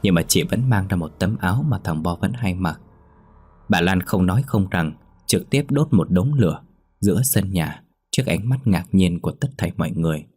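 A man narrating a scripted ghost story in a measured, dramatic way. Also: low-pitched, lively intonation, darkish tone, slightly rough.

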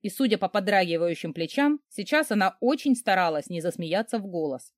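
Woman narrator for comic romance, wry and animated, mid pitch, dry booth sound. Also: dry recording. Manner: wry, theatrical, quick mood swings in quoted lines. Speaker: audiobook reader.

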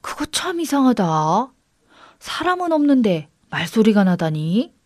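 A woman's voice: mid-range voice, normal speed, darkish tone, dry recording, clean studio sound, natural voice. A woman voicing a poor, kind young woodcutter who talks earnestly and exclaims aloud.

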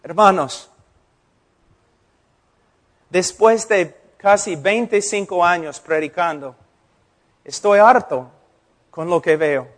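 A middle-aged male pastor delivers an impassioned sermon in a notably high voice. He takes his time, speaking slowly and deliberately, and slips into changing voices as he acts out conversations.

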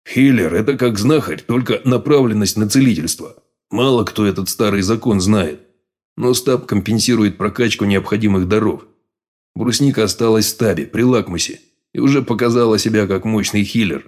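Man playing a mutant sage, low, growling, calm, unhurried. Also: lightly acted. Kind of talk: audiobook character voice.

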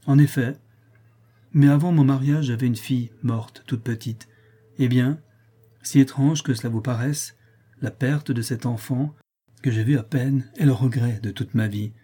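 A man's voice: mid-range voice, steady tone, measured pace, mellow, husky. A man voicing a grieving, melancholy prince in an audiobook reading, speaking solemnly and sorrowfully. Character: grieving middle-aged prince, noble and melancholy.

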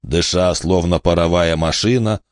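A man narrating an audiobook in a steady, tense storytelling manner. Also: sits low, normal speed, dry recording, clean studio sound.

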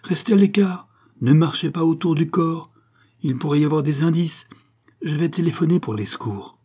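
Man reading veteran police commissioner, firm, authoritative, mellow husky voice. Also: mid-range voice, animated, brisk. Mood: commanding. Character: seasoned male police commissioner, calm and commanding.

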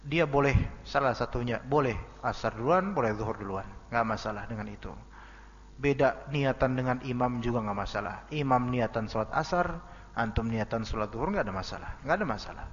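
A man's voice: medium pitch, moderate pace. A man giving a casual, joking religious lecture and answering questions in a colloquial way. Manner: lively, joking, colloquial, with acted-out dialogue. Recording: dull lo-fi audio with long hall reverb.

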